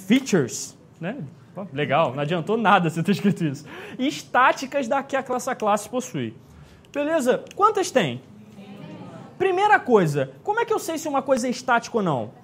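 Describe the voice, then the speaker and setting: A man's voice: very high-pitched, big pitch swings, normal speed. A man teaching a live exam-prep class, chatty and jokey, often checking in with his students.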